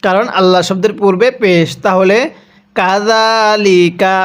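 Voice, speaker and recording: A man teaching Quran reading, spelling out verses and reciting them slowly syllable by syllable, then explaining the rules at a quicker clip. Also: high voice. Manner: slow, drawn-out syllable-by-syllable recitation; switches to quick explanatory speech between recitations.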